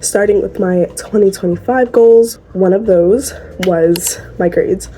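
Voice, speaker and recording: A woman's voice: mid-range voice, unhurried, warm tone, soft background music. Chatty teen girl vlogging at home. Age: teens. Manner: chatty, giggly, talks to viewers directly. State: sore throat, tired. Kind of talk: casual vlog chat.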